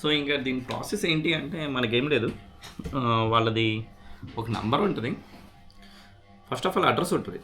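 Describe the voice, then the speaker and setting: A vlogger describes his experience getting a product repaired in a casual, explanatory vlog that includes an unboxing, mixing English words into his speech. His voice is mid-range with a sharp tone, at a moderate pace with long pauses, and faint music plays behind him.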